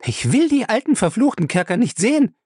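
A man reading aloud and voicing a frightened but sharp-tongued young wife in a raised, agitated voice. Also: a little high, big pitch swings, moderate pace, no room sound, studio quality, pitched above the performer's own voice. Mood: frightened defiant.

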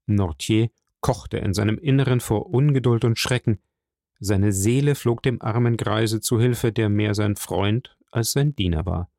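Steady male audiobook narrator, dry sound. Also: lowish voice, unhurried, creaky, dry recording. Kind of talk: scripted narration of a classic novel.

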